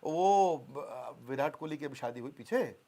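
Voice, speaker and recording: Male business coach, seminar style; a touch high, emphatic, call-and-response. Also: animated, a little slow, dark tone. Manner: call-and-response, has the audience finish lines; emphatic, repeats key phrases.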